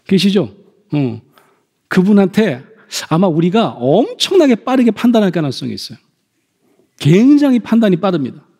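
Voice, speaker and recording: A middle-aged man giving a stage lecture to an audience, animated, acting out parents and children in quoted voices. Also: sits high, normal speed, long pauses, husky, big-room sound.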